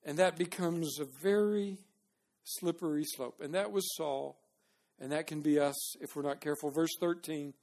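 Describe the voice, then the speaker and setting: A male pastor preaching a sermon, acting out voices from the text and swinging between loud and soft. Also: fairly high pitch, normal speed.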